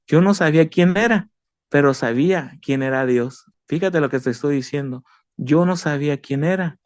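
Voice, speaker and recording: A man's voice: a little high, darkish tone, dry recording. A man giving an emotional personal faith testimony, earnest and repetitive, calling the listener brother. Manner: earnest, repeats himself, addresses the listener as brother.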